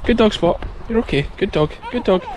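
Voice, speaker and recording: This casual outdoor vlog features a sheep farmer from Scotland, in his thirties, with a broad accent, speaking to a child and his sheepdog in an open farm field. His high, expressive voice has a darkish tone and moves a little fast, with some chatter in the background. Field noise comes through the action camera he holds at arm's length.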